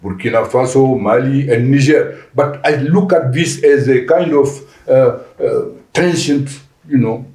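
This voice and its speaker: Deliberate man, roomy echo. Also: mid-range voice, warm tone. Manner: deliberate with frequent restarts and fillers. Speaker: panel guest. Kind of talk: podcast panel discussion. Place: conference venue.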